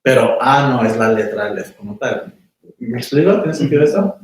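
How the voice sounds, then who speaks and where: A man's voice: medium pitch, normal speed. Male teacher, casual class talk, checks in with students, distant mic in a very reverberant room. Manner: relaxed, conversational, asks the class questions. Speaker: meditation teacher. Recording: very echoey room, mic far off.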